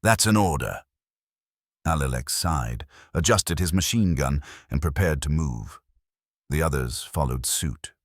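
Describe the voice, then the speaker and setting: A man narrating a dark fantasy audiobook in a steady, measured storytelling manner. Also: a bass voice, dry recording, studio quality.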